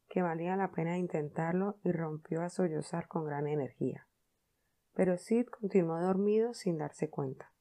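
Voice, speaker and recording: A woman narrating a classic novel as an audiobook, measured and expressive. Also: on the low side. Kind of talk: storybook reading.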